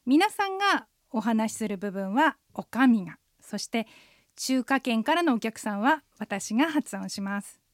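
A woman hosting a radio language lesson, calmly guiding listeners through the phrases. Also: a little high, a little slow, no room sound, clean studio sound.

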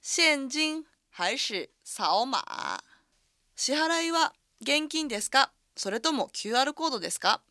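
Lively, bright-voiced woman teaching. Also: high voice, a little slow, dry recording, clean studio sound. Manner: explains pronunciation step by step. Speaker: Chinese language teacher. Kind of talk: radio language lesson.

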